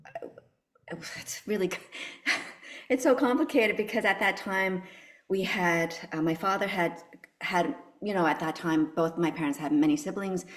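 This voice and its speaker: A woman playwright who grew up in Canada, speaking in a podcast interview in a thoughtful, halting way with many fillers. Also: deep voice. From born in Korea, grew up in Canada. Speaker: playwright and actress, guest.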